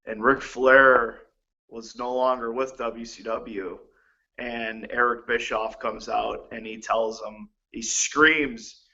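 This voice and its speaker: A man's voice: mid-range voice, fairly even intonation, takes it slowly, bright, forceful tone, muffled recording. A man co-hosting a casual wrestling talk show, recounting stories with plenty of hesitant fillers. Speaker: co-host.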